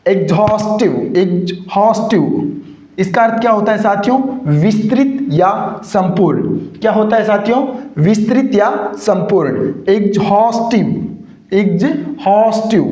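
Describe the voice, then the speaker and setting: A man gives an exam-prep English vocabulary lesson, drilling each word through question-and-answer, asking and answering himself, and drawling words slowly to show pronunciation. His voice sits high and is a little mellow, heard through roomy, dull lo-fi audio.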